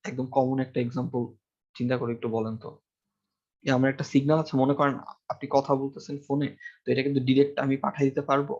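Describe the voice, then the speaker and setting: A man's voice: medium pitch, level tone, rapid-fire, darkish tone. Guy giving a uni lecture on a classroom mic, medium voice, kinda muffled lo-fi sound, keeps asking the class stuff. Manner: explanatory, asks students questions, many fillers. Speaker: university lecturer. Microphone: microphone with amplifier in a classroom.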